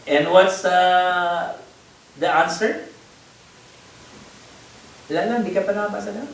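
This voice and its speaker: A man preaches to his congregation at a very slow, halting pace, full of fillers and repeated words. His slightly raised voice sounds distant from the microphone and rings in a strongly echoing room. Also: sits high, gravelly, slight background noise. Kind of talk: Bible study sermon. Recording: echoey room, picked up from a distance.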